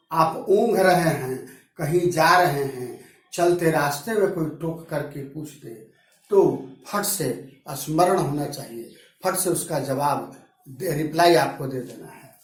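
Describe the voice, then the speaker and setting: A man teaching a school grammar lesson in a classroom, reciting word forms slowly and stretching them out. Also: a little high. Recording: very echoey room, mic far off.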